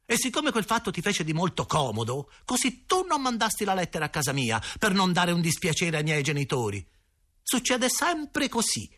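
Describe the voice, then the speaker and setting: A man's voice: high voice, a bit bright, pitched above the performer's own voice, exaggerated voice. A man reading an audiobook, voicing a cheeky young boy who protests defiantly in a raised voice.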